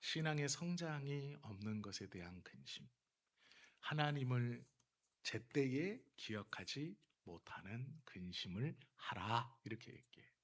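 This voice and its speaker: A male pastor preaching a sermon and telling stories, moving between hushed asides and heated emphasis. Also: mid-range voice, big pitch swings, measured pace. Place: church sanctuary.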